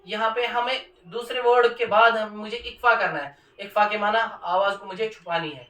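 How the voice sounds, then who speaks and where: A man's voice: high voice, steady tone, pushed and bright, reverberant, far from the mic, rough recording. A man teaching Quran reading to a class, stressing points and quizzing his students with repeated questions. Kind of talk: classroom lesson.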